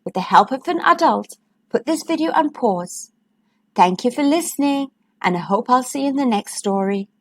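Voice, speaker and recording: Here a high-voiced woman narrates and hosts a read-aloud of a children's storybook, taking it slowly and deliberately while keeping her reading full of expression for her young audience.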